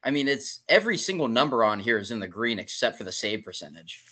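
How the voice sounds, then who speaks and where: A man co-hosting a casual hockey podcast, animated and profane as he reads through statistics. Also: medium pitch, fast talker, breathy edge. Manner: animated, swears, rattles off statistics. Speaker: podcast co-host. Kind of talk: casual sports talk.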